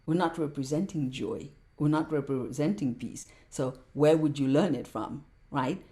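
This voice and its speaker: Low, mellow-voiced woman talking passionately. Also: moderate pace. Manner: passionate, repeats words for emphasis. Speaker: podcast guest, meditation teacher. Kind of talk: casual interview talk.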